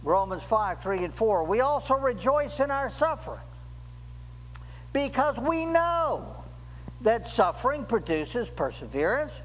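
An older man preaching a sermon as pastor in a church, slow and deliberate, rising emphatically on key words, recorded at a pulpit microphone. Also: very high-pitched, very animated, a bit bright, in a large hall, rough recording. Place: church sanctuary.

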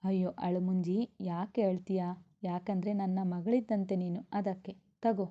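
A woman's voice: on the low side, flat delivery, moderate pace, lo-fi sound, close to an everyday voice. A woman voicing an affectionate middle-aged mother-in-law who speaks in a coaxing way.

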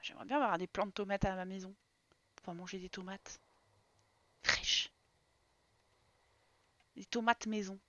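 A woman's voice: mid-range voice, fairly even intonation, measured pace, pauses often, pushed and bright, dry recording. A woman streaming a life-simulation game live, chatting with viewers and laughing as she reacts to what happens on screen. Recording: dry, slightly dull sound.

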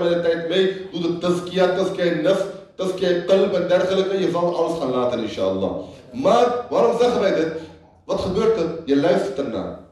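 A man's voice: high-pitched, a little mellow. A man giving a sermon as a religious lecturer, who repeats lines for emphasis and half-sings quoted lyrics. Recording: echoey hall, voice picked up from far off.

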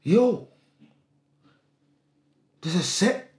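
A man's voice: high voice, sing-song, very slow, a little mellow. A man telling stories in a casual, slangy way as a podcast guest, often repeating himself. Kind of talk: casual storytelling chat. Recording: roomy echo.

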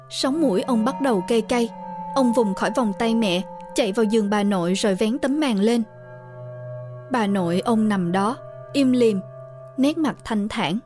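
Woman narrating a ghost story over music. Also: a little high. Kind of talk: scripted horror story narration.

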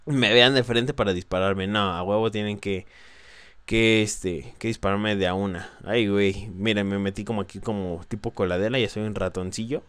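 A man's voice: on the low side, clean tone, dry recording. A young man with a Mexican accent commentating a game as he plays, swearing and crying out in nervous alarm. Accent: Mexican Spanish. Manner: jumpy, swearing, nervous exclamations. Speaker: gameplay commentator. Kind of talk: let's play commentary.

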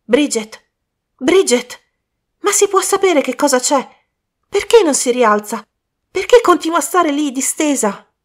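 A woman voicing an eager, apologetic young male prankster in an audiobook, with a raised, loud, excitable voice. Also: high voice, moderate pace, pitched above the performer's own voice. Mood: eager, flustered.

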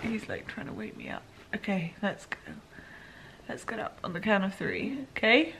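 A woman's voice: mid-range voice, wildly swooping pitch, moderate pace, creaky, fairly bright tone, a little hiss or hum. A woman in her twenties, hungover and groggy, chatting casually to her camera as she vlogs, self-mocking and often dropping to murmurs and whispers. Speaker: lifestyle vlogger. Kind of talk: casual vlog chat to camera.

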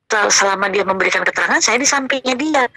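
A woman's voice: medium pitch, animated, fast talker, pushed and bright, rough recording. A woman being interviewed, talking emphatically and acting out the calls she retells. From Indonesia. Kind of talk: heated casual interview. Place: studio.

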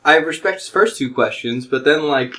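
A man's voice: a little high, normal speed, pushed and bright. An American man in casual comedic podcast chat, telling rambling stories in an irreverent, ranting way. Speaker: podcast host.

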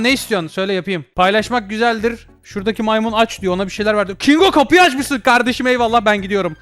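A young man playing a VR game on his channel, talking to the characters in loud, excitable commentary, often shouting and swearing at them. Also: sits high. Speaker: gaming YouTuber. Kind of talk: excited let's-play commentary.

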